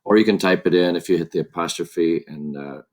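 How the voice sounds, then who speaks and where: A man's voice: low-pitched, brisk, a little mellow. A man teaching a Spanish lesson over a screen recording, patiently explaining each step and repeating points as he goes. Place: at a desk with a laptop. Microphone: computer mic on a laptop.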